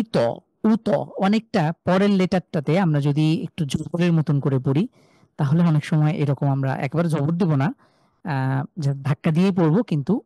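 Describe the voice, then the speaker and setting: A man leads a live online Quran recitation lesson. His voice is dark and mellow, and it sounds dry and close. He spells out each letter sound slowly and keeps asking the class whether they follow. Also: fairly high pitch, dry recording. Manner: patient, demonstrates letter sounds slowly, asks students questions. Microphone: video call.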